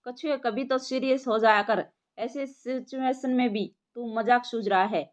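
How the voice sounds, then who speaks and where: A woman's voice: on the high side, fairly even intonation, a little slow, close to an everyday voice. A woman voicing a nervous, polite young village man. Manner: timid, polite, earnest. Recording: lo-fi muffled recording.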